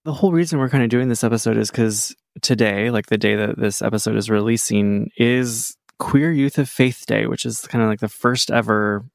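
A man's voice: lowish voice, moderate pace, gravelly, few pauses, dry recording, studio quality. A man hosting a podcast panel, talking casually and often saying "like" and "kinda". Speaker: podcast host.

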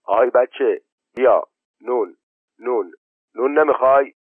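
A man's voice: mid-range voice, no room sound, pitched above the performer's own voice, natural voice. A man voicing a practical, decisive village man who gives firm instructions, on a tinny, narrow-band recording.

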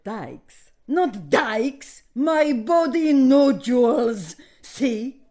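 An actress playing a vain, demanding diva in a satirical drama, bossy and histrionic. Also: female voice, a little high, very animated, very slow, darkish tone, full character voice. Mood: demanding, fussy. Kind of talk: satirical audio drama acting.

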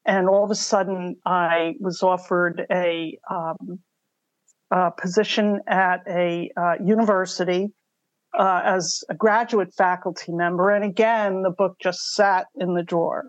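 A woman's voice: on the low side, fairly even intonation, unhurried, no room sound, dull audio. An older woman telling her story conversationally as a podcast interview guest. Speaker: podcast guest, mystery writer.

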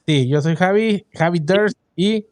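A Mexican man with a fairly high voice explains points in a casual chat and passes along viewers' requests. His voice sounds dry and close, with no room echo. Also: unhurried, darkish tone.

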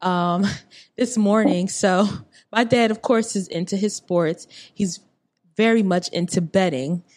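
A woman's voice: mid-range voice, a little slow, a little mellow. A woman in her late twenties chatting casually on a podcast, rambling with lots of fillers and asides. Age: 20s. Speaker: podcast guest. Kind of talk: casual chat.

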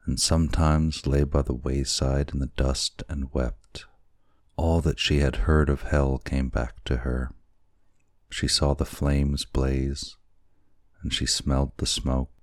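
A man narrating a classic story as an audiobook, in a measured, deliberate reading. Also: a bass voice, darkish tone, dry recording, clean studio sound.

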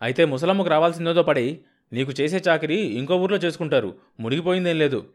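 A man voicing an indignant, sharp-tongued male in-law who speaks harshly and scornfully in an audiobook reading. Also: a little high, fast, pitched above the performer's own voice, natural voice.

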